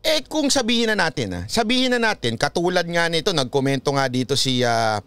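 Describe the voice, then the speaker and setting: A man's voice: a little high, very animated, brisk, a bit bright, clear, resonant tone, dry recording. A man from the Philippines giving opinionated political commentary in a vlog, mocking and lecturing, chuckling often and switching into English. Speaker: political vlogger.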